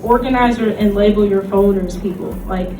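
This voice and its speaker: This woman's mid-range, mellow voice moves a little fast as she presents casually on a convention panel, hesitating and dropping "like" into her chatty remarks again and again. Picked up by a far-off mic in an echoey panel room, the audio carries music and a slight hiss or hum.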